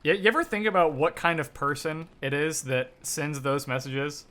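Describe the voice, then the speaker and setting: A young man with a bright, forceful tone and a slightly higher pitch chats casually as a podcast co-host. He swears freely and slips into voices for the people in his stories. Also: normal speed. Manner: profane, animated, acts out quoted people mid-story. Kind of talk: casual chat.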